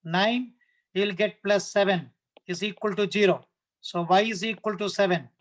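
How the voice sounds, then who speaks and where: Male maths tutor, South Indian accent, notably high voice. Talks a class through working step by step, repeating and checking often. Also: normal speed. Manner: didactic, repetitive, often checks understanding with short questions. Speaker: maths teacher. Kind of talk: live online maths lesson, working problems step by step.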